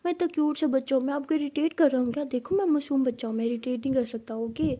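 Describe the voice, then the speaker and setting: A woman's voice: high-pitched, fast, warm tone, lightly acted. A woman voicing a playful, affectionate young girlfriend who teases and coaxes her partner. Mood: teasing. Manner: teasing, coaxing.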